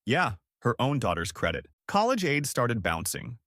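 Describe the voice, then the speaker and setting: A man's voice: medium pitch, huge pitch swings, moderate pace, a bit bright, dry recording. Middle-aged male narrator, sardonic and dry, close dry recording. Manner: sardonic, wry. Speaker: storyteller. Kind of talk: scripted story narration.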